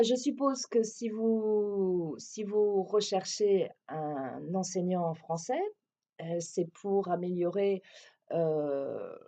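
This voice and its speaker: With a lowish, mellow voice captured in a muffled recording, a French teacher from France gives a hesitant self-introduction. She explains things in a French accent and keeps restarting her sentences.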